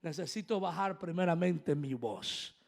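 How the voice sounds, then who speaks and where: High, gravelly man preaching a sermon. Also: lively intonation, unhurried. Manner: fervent preaching that swings between soft asides and loud emphatic passages; addresses the congregation directly, asking them to repeat after him. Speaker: apostle preaching.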